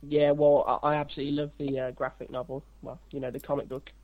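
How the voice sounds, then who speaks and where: A man's voice: medium pitch, little pitch movement, quick pace, no room sound, narrow, tinny audio. A man co-hosting a casual chat, giving blunt short verdicts. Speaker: podcast co-host.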